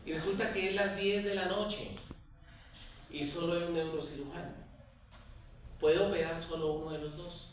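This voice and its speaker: A Colombian man teaching an anatomy class, quizzing his students and telling lively anecdotes. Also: a little high, moderate pace, pauses often, recorded from a distance, slight background noise. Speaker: anatomy lecturer. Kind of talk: classroom lecture. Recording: echoey classroom recorded from afar.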